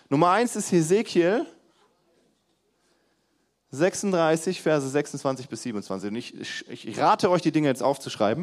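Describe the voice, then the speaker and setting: Young man, sermon, punchy emphatic delivery then hushed asides, addresses the congregation directly, church hall. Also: mid-range voice. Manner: lively, swings between loud emphasis and quiet asides, talks to the congregation directly. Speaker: preacher.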